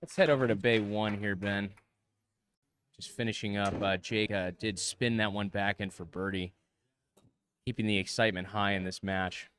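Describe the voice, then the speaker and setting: A man giving play-by-play golf commentary in a measured broadcast manner, full of course jargon. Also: fairly low pitch, fairly even intonation, fairly bright tone, clear, resonant tone.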